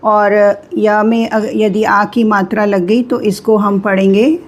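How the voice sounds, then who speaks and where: A woman teacher walks through spelling rules at an extremely unhurried pace. She spells out each sound with pauses. Her pitch sits in a middle register. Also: little pitch movement. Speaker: Hindi teacher. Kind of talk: slow spelling lesson.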